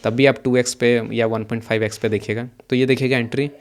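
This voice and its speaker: A young man talks viewers through his day's trades over a screen share, hurrying along on purpose. He keeps a loose, conversational manner, circling back and repeating himself. His voice sits at an ordinary middle pitch. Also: level tone, quick pace. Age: young adult. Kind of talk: casual screen-share trading walkthrough. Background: some background noise.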